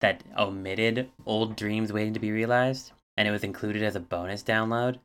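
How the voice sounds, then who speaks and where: Man, podcast co-host; very low voice, casual, reads facts with hesitant fillers. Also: steady tone, normal speed, fairly bright tone, smooth. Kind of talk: casual chat.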